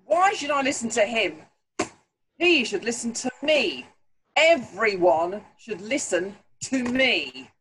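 A woman voicing a loud, boastful and angry male king in a storybook reading, shouting and scornful. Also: on the high side, sing-song, moderate pace, a little hiss or hum. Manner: shouting, scornful, self-important.

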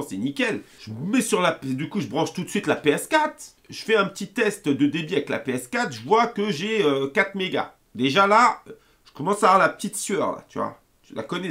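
A young man vents straight to camera in a casual, angry rant, his voice sitting a touch high for a man. He swears freely and acts out both sides of his phone calls. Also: fairly bright tone. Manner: fast, heated, swearing, retells phone calls. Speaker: gaming YouTuber ranting to viewers.

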